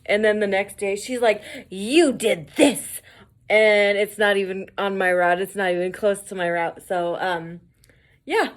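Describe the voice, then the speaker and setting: A woman's voice: mid-range voice, little pitch movement, normal speed. A woman who works as a mail carrier, telling casual stories for her vlog, swearing, laughing often and acting out the voices of the people she quotes.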